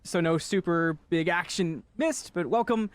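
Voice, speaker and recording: A man's voice: a little high, a little slow. A man casting an esports match with play-by-play commentary and jokey banter. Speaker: esports caster.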